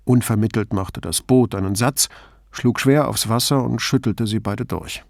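A man narrating an audiobook in a calm, even storytelling manner. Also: on the low side, moderate pace, gravelly, no room sound, clean studio sound. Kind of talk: scripted narration.

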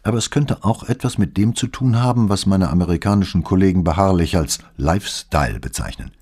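A man voicing a calm middle-aged police detective who speaks in a measured, dryly understated way in an audiobook. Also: sits low, breathy edge. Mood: sober.

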